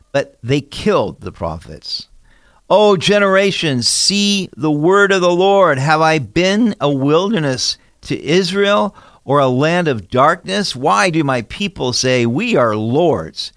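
Earnest male Bible teacher, lively pitch. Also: dry recording, studio quality. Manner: earnest, emphatic, rhetorical questions. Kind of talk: expository sermon reading and explaining scripture.

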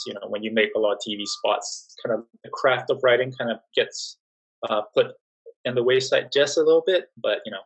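A young adult man from Singapore, speaking as a guest in a casual interview, relaxed and full of fillers and restarts. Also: lowish voice, husky, low-quality recording. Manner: relaxed, many fillers and restarts, laughs softly. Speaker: job-seeking guest.

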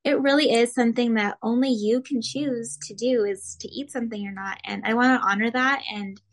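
A woman from Arizona, a mother and recipe blogger, talking as an interview guest in a relaxed, rambling way with lots of "like" and light laughs. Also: a little high, fairly quick. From Arizona, USA. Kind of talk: casual interview chat.

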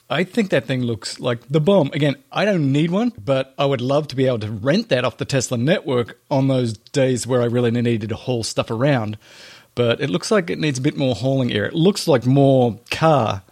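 A man's voice: medium pitch, darkish tone. A man hosting a podcast, giving casual, chatty news commentary with playful showman flourishes and joking, colloquial asides. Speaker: podcast host.

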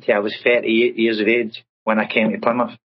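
Speaking fairly quickly in a level, low-sitting voice, a man in his fifties from Glasgow, Scotland, recounts his life as an interview guest. He's chatty and keeps dropping in "right?", and the recording is muffled.

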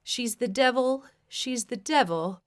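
A woman's voice: on the high side, lively intonation, measured pace, voice pushed up. A woman voicing a bitter, hysterical middle-aged mother-in-law who screams her accusations. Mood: spiteful.

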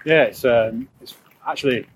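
A man's voice: medium pitch, moderate pace, a little hiss or hum. A man chatting casually on an outdoor walk, rambling and stumbling over his words with frequent laughter. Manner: rambling, stammers and repeats himself, laughs often. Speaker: co-host.

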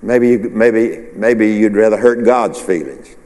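A pastor with a low-ish, slightly mellow voice preaches an informal midweek sermon at a slightly slow pace in a church sanctuary with long hall reverb. He's conversational and rambling, full of restarts and call-and-response questions to the congregation.

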